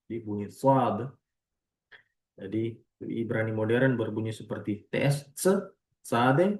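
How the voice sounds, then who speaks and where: A man teaches at a very slow, deliberate pace, sounding out each letter more than once and pausing often with fillers. His voice sits at a middle pitch. The room around him is noticeably echoey. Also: a little mellow. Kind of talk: unscripted lesson explaining letters.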